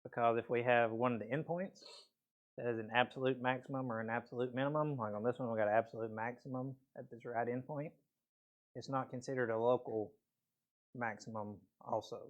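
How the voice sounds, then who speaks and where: Man, math teacher, classroom lecture, mid pitch, casual step-by-step explaining, slightly worn voice. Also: steady tone, a little fast, dull audio. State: voice weak from weather, peppermint in mouth.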